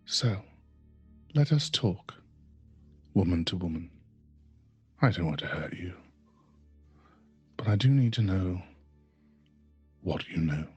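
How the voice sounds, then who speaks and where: A man's voice: low voice, expressive, slow pace, long pauses, a little mellow, breathy edge, no room sound, faint music behind, pitched below the performer's own voice, full character voice. A man voicing a cold, menacing female cult leader in a tabletop game, silky and threatening.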